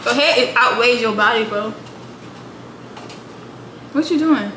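A woman's voice: a little high, a little slow, sharp tone. A young woman bossing and teasing her brother through a drinking game, laughing often. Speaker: vlogger. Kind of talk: casual chat during a party game. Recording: echoey room with background noise.

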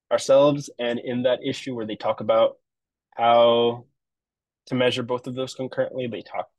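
A man's voice: medium pitch, dry recording, low-quality recording. A man on a marketing web team giving a casual, explanatory screen-share walkthrough of a project he set up, with frequent fillers. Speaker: web developer.

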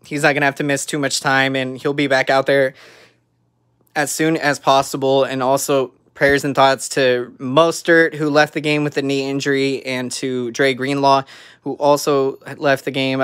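A man's voice: medium pitch, a bit bright, smooth, dry recording, clean studio sound. A man in his thirties, a sports fan vlogging an emphatic, earnest post-game recap to a phone at arm's length in a room at home.

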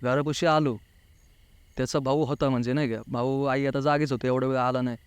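A man from Pune, India, chats as an interview guest, recounting a personal experience in a casual, storytelling way. His voice is medium-pitched, smooth, fairly quick and fairly even in intonation, with no echo. He's talkative, often acts out quoted dialogue, and keeps dropping in the filler "नाही का".

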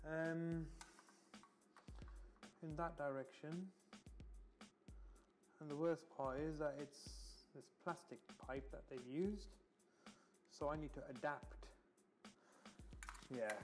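A man's voice: on the high side, darkish tone. A man in his thirties, a heating engineer, casually explaining his work to camera as he installs parts indoors in a home. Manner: casual, talks to camera while working. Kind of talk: work vlog tutorial. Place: indoors in a home utility room.

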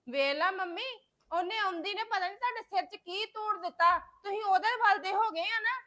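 A woman plays a stubborn young woman who keeps insisting on her demands. Her voice is very high and bright. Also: normal speed. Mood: resentful. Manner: insistent, complaining. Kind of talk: amateur family drama acting.

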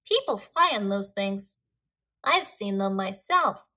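A woman voicing a small male puffin in a children's storybook read-aloud, calm and matter-of-fact, then cheerful. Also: sits high, slow pace, pitched above the performer's own voice, exaggerated voice.

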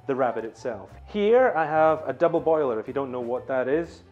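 A man hosting a comedic cooking vlog from his home kitchen, delivering dry, deadpan jokes at a middling pitch. The recording is a little dull, with faint music in the background. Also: fairly quick. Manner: wry, deadpan humor. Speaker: cooking show host.

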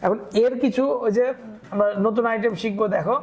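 A man's voice: high-pitched, fairly even intonation, brisk, a little mellow. A man teaching a school chemistry lesson, working through examples step by step, counting aloud and asking and answering his own questions. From Bangladesh.

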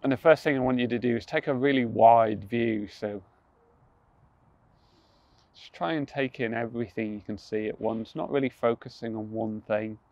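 A young man leading a guided mindfulness practice outdoors on a rooftop, speaking calmly, slowly and gently, with soft restarts. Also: mid-range voice, no room sound, dull audio. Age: young adult. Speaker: mindfulness instructor.

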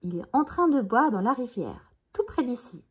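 A woman voicing a chatty female friend who speaks in a lively, knowing way in a bedtime story. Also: on the high side, moderate pace, breathy edge, highs cut off.

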